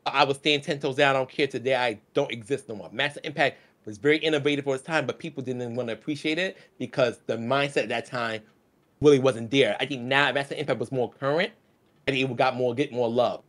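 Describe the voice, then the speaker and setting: A man's voice: mid-range voice, fairly even intonation, fairly quick, fairly bright tone. A man guesting on a casual gaming chat, opinionated and slangy. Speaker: podcast guest.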